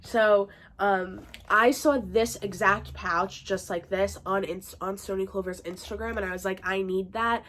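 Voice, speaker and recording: A woman's voice: mid-range voice, steady tone, unhurried, few pauses, a bit bright. A young woman vlogging casually, showing off her collection in a chatty, gushing way with lots of fillers. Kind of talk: casual show-and-tell haul video.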